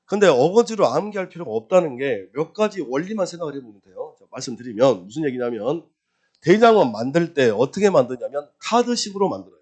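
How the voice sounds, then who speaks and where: Lively male lecturer drilling exam terms. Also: a little high, fast, husky. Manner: quizzes students with rhetorical questions and answers them himself; repeats key terms in a singsong drill. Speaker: real estate law lecturer.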